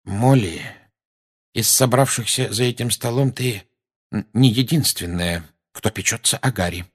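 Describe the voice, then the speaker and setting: A man with a husky voice reading aloud, playing a calm, reasonable grown wizard who speaks in a measured, gently firm way. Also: mid-range voice, voice pushed up, exaggerated voice.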